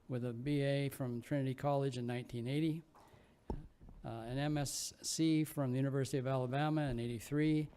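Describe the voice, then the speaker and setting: A man chairing a session, introducing the next speaker in a formal, measured way. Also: medium pitch, dark tone, slight background noise.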